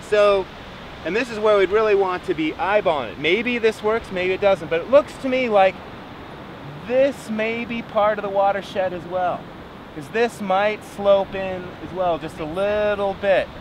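A man's voice: sits high, a little slow. A man in his thirties teaching outdoors on a beach, explaining step by step and encouraging his student. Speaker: rainwater harvesting teacher. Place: sandy beach outdoors by the surf. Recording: distant outdoor mic with surf noise. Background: waves and wind.

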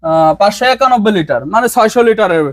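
A man with a Bangladeshi Bengali accent pitches used fridges in a shop, counting prices down in a very fast, high, pushy patter. His voice sits close and completely dry. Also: expressive, dry recording. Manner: fast, insistent haggling patter with repeated stock phrases.

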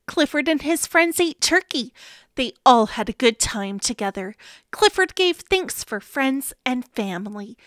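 Bright, animated woman reading a picture book. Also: sits high, measured pace, no room sound, studio quality. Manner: expressive, playful storytelling; gently addresses young listeners. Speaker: children's book reader. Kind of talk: children's read-aloud narration.

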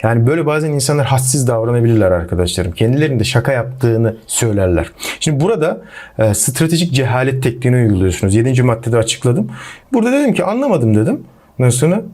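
Fast, animated man giving advice. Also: mid-range voice. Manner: lively, animated, addresses viewers as friends. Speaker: relationship advice youtuber. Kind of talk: advice monologue to camera.

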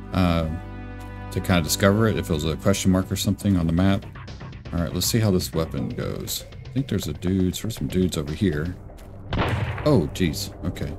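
A man with a sick, rough voice, rambling casually and thinking aloud while he plays a game. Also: sits low. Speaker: gaming YouTuber. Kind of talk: casual gameplay commentary. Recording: game music playing behind. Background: game music.

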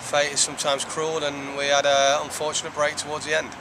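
Fast-talking coach outdoors by traffic. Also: male voice, a little high, monotone. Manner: measured, reflective, frequent "you know". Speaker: head soccer coach. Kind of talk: postgame interview. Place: outdoors by a stone wall.

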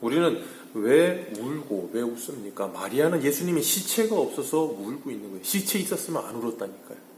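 A male pastor preaching an early-morning sermon, asking rhetorical questions and moving between hushed and emphatic delivery. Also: medium pitch, very animated, fairly quick, few pauses, echoey room, slight background noise. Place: church sanctuary.

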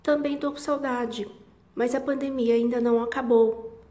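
A woman teacher, giving a home-recorded reading lesson to young children and sounding out syllables slowly and clearly. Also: a little high, steady tone, mellow. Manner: slow, clearly syllabified speech to young pupils. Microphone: home-recorded video.

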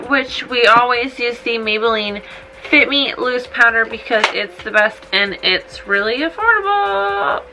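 Slightly high-voiced, a makeup vlogger in her 20s chats her way through a casual tutorial from a small indoor room. She's tipsy, rambling, blunt and given to swearing. The audio is poor.

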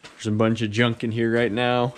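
A carpenter who hosts his own channel explains a barn repair job on his vlog in a relaxed, casual way, peppering his talk with "uh" and "kinda." His voice is medium-pitched at a normal speed, and he's filmed outdoors at a farmyard barn and inside a large workshop.

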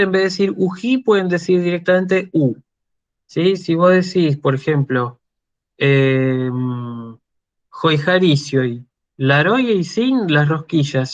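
A middle-aged man speaks with an Argentine accent, lecturing at a deliberate, slow pace and often pausing to check that listeners follow. His voice sits a bit high for a man. The recording is dull and lo-fi, like an online class. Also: a bit bright. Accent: Argentine Spanish. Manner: slow explanatory delivery with frequent "¿sí?" checks. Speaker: university lecturer.

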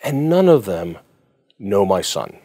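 A man's voice: lowish voice, sing-song, slow, dark tone, dry recording, clean studio sound. A man hosting an interview, talking earnestly and personally, often restarting his sentences. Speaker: interview host. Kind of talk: interview conversation.

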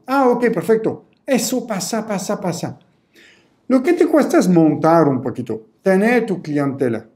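Course instructor, male, animated, high-pitched, warm mellow tone, repetitive, plays both sides of customer chats. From Canada. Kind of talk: energetic sales lesson.

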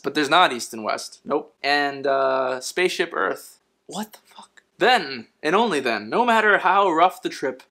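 Comedy host, male, slightly high voice, theatrical reading with dry sarcastic asides. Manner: deadpan, sarcastic asides between dramatic readings.

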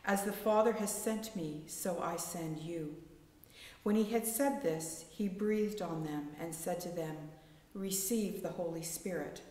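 Lady reading scripture in church, steady and calm, echoey cathedral with a long reverb. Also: fairly low pitch, a little slow, recorded from a distance. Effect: cathedral echo. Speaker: gospel reader at a church service. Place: large church.

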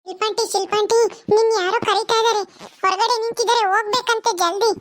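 A woman's voice: extremely high pitch, steady tone, fairly bright tone, pitched above the performer's own voice. Woman doing a meek little boy. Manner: slow, meek, drawn-out. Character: small obedient crying boy. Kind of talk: comic skit acting.

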